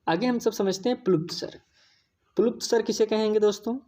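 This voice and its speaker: Mellow-voiced woman teaching a lesson. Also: medium pitch, fast talker. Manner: explains patiently, repeats key points, addresses viewers as friends. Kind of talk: exam-prep lesson.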